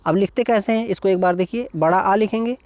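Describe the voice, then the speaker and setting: Guy teaching exam spelling, walks thru each word slow, says "dekhiye" a lot, dry close sound, faint crickets behind. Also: high voice, a little mellow, dry recording. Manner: explains step by step, repeats "देखिए" and "ठीक है"; spells words out syllable by syllable. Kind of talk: exam-prep lesson.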